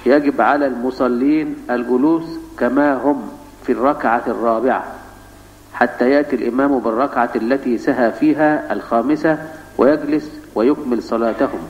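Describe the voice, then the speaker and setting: A man reads written questions aloud in a slow, deliberate, formal cadence, set well back from the microphone. The sound is dull and roomy, with a long reverb hanging in a large hall. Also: medium pitch, fairly even intonation, a little mellow. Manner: measured, deliberate reading. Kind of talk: slow formal reading of letters. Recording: distant, roomy, dull mosque recording.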